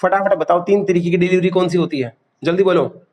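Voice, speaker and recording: A man's voice: sits high, fairly quick, darkish tone. A man teaching a class, quizzing students and repeating key terms. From India. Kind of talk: classroom lecture.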